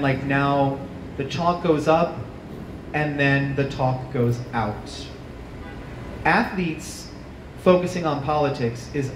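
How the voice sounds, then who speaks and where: Live laughter answers a thirties-aged man doing stand-up comedy into a handheld mic, his animated delivery leaping to high yelps at each punchline. The setting is a small outdoor rooftop stage with plants, recorded from a distant camera with roomy echo and noisy ambience.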